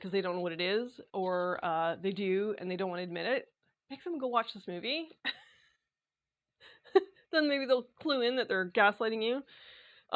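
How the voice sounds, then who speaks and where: A woman vlogging in a casual, rambling chat, full of fillers and quick laughs, her voice slightly worn from dry air. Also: medium pitch, fairly bright tone. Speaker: sewing and knitting vlogger.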